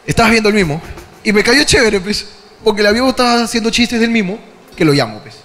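Animated Peruvian man telling a crude story. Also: high voice, quick pace, big-room sound. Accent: Peruvian Spanish. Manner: animated, crude, with lots of tag questions. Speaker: comedy podcast host. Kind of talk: comedic storytelling.

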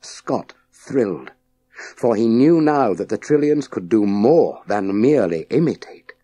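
The dry recording captures a man telling a children's science fiction story from a script, his voice low, mellow and slightly husky. Expressive, dramatic and very slow, he pauses deliberately between phrases in the manner of an experienced audiobook narrator reading to children.

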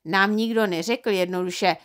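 A woman's voice: mid-range voice, lightly acted. A woman voicing a stern, grumbling middle-aged father who lectures and quarrels. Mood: lecturing. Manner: indignant, lecturing.

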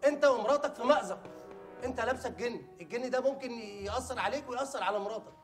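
A stern sheikh warning of a jinn, chanting prayers and ordering everyone to stay put, as a prankster puts him on. The voice sits very high and talks very fast. Music and a crowd murmur behind him. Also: male voice. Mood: grave. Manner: commanding, chanting prayers loudly. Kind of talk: hidden-camera prank acting.

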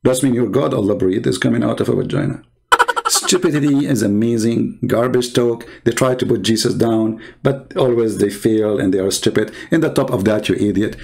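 A man's voice: mid-range voice, normal speed, creaky, noisy background. A man hosting a channel and giving polemical commentary in non-native English, mocking and sarcastic, trading insults. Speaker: channel host and religious debater.

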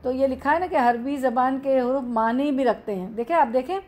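A woman with an Urdu accent teaches a classroom grammar lesson in a slightly raised pitch. She moves step by step through the material. She often asks a question and then answers it herself. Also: brisk, a little mellow.

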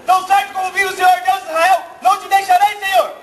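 An actor on a church stage playing an eager young cadet who shouts his answers to his commander. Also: very high-pitched, level tone, quick pace, roomy sound. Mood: resolute. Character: eager young male cadet, nervous but loyal. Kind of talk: live church stage comedy acting. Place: church theater stage with live audience. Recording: live audience noise.

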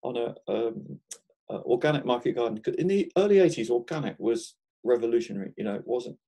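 A man in his sixties from England, a guest market gardener talking through his life in a relaxed interview, thoughtful and often chuckling, with frequent restarts. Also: mid-range voice, fairly quick, gravelly, slightly rough.

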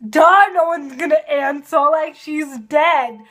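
A woman doing a casual video review of a TV episode, gushing and excitable, with lots of fillers. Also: high voice, slow.

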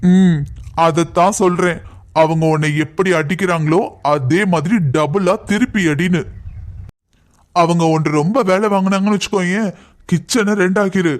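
A man's voice: high-pitched, fairly even intonation, normal speed, close to an everyday voice. A man playing a scheming younger brother in a cartoon, bluntly egging his sister on. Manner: conspiring, giving advice bluntly. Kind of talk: cartoon voice acting.

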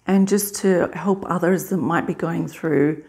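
A middle-aged woman in a casual mukbang vlog, chewing while talking in a halting, unhurried way with pauses to eat. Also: fairly low pitch, steady tone, darkish tone. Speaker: vlogger. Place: small indoor hospital room.

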